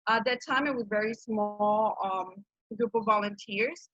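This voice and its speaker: A Honduran woman in her thirties, a nonprofit program director, earnestly presents her organization's work on a video call, using lots of fillers and restarts. She has a Honduran Spanish accent and a medium-pitched, slightly bright voice at a measured pace. The video-call microphone gives dull, dry audio.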